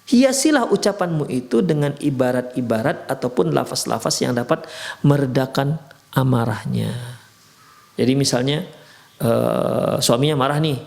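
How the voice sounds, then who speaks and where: A man with a Medan Indonesian accent giving an Islamic marriage lecture in a mosque, lively and conversational, briefly acting out husband and wife and explaining Arabic texts. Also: mid-range voice, normal speed, vocal fry.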